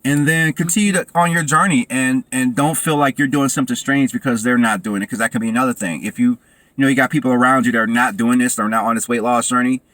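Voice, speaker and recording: A man's voice: mid-range voice, steady tone, fast talker, dry recording, rough recording. A man talking casually and encouragingly to his vlog audience while out running, in loose broken phrases. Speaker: vlogger. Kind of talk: casual motivational monologue to camera. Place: outdoors by a road. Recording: loud outdoor street and traffic noise.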